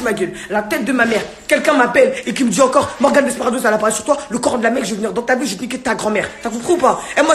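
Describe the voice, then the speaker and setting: A woman with a hoarse voice ranting angrily on a phone live stream, hurling insults and threats between bursts of laughter. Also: fairly high pitch, a bit bright. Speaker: livestreamer. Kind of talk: angry live-stream rant.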